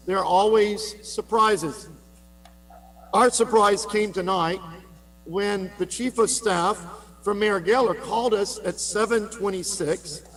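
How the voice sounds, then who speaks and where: A man moderating a public meeting, firmly pressing speakers for clear commitments. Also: high-pitched, fairly bright tone.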